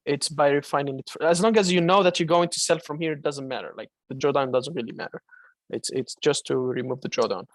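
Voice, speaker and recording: Speaking a little fast at a fairly high pitch, with no echo, a trading mentor with a Malaysian English accent chats through viewers' trading questions on a live stream. His style is casual, with frequent fillers and restarts.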